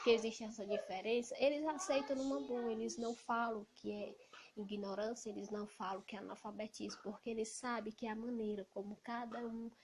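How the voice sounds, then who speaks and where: A woman from Ceará with a Cearense Brazilian accent, talking loudly and emphatically in an indignant casual monologue to camera. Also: a little high, steady tone, fairly quick. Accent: Cearense Brazilian Portuguese. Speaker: evangelical vlogger. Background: noisy children.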